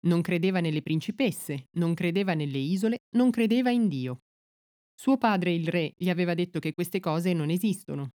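A woman narrating a literary excerpt and fairy tale in a measured, unhurried audiobook reading. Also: lowish voice, warm tone, no echo, studio quality.

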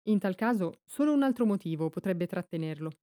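A woman's voice: lowish voice, lively intonation, a little fast, mellow, dry recording, clean studio sound, lightly acted. A woman voicing an earnest, tired young boy warrior in an audiobook, in a plain reading voice.

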